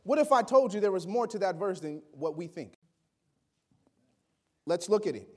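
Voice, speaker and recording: A man preaching a sermon, swinging between loud exclamations and quiet asides and acting out the people he quotes. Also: high-pitched, expressive, normal speed. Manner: acts out quoted voices.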